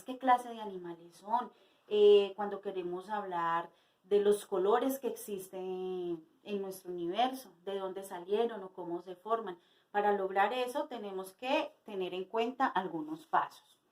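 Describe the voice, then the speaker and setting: A woman teacher giving a spoken lesson to her students, explaining slowly and asking rhetorical questions. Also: medium pitch, low-quality recording.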